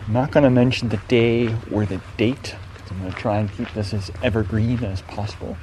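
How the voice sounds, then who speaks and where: A man's voice: fairly low pitch, fairly even intonation, fairly quick, noisy background. A man casually recording an audio message for a podcast while outdoors. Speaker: podcast contributor. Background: faint outdoor ambience.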